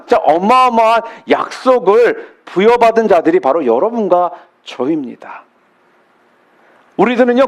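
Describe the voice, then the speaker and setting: A middle-aged man preaches to his congregation in a high voice. His pitch rises and falls widely as he asks questions and stretches important words. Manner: slows and stretches key words for emphasis. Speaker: pastor. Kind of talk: sermon.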